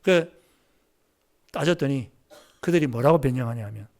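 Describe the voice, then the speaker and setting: At a church service, a pastor delivers a sermon, telling stories with animation and acting out the dialogue. His voice is mid-range and his pace moderate.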